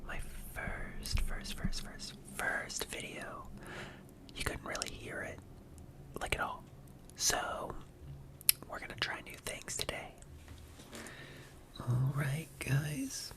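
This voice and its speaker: Hoarse young man whispering ASMR, gravelly. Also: fairly high pitch, huge pitch swings. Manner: slowly repeats words softly as triggers. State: hoarse throat. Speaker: ASMR channel host. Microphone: close microphone at a desk.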